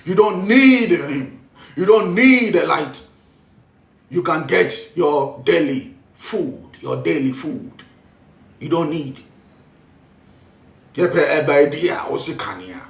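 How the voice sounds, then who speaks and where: In an echoey space, a faraway man with a Ghanaian accent gives a spiritual talk, mixing Twi with English and repeating himself as he preaches. His voice is a little high, expressive, and creaky, and he takes his time.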